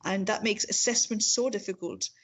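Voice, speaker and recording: A woman's voice: medium pitch, moderate pace. Pakistani-accented woman, speech therapy lecturer, informal and earnest explainer who repeats words as she goes. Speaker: speech-language pathologist and university lecturer. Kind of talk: informal professional talk about own work.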